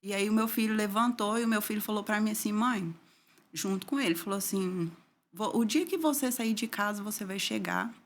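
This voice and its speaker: A middle-aged woman from Brazil, an interview guest giving an emotional personal testimony, her voice dropping low and soft and tearful at painful moments. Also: brisk.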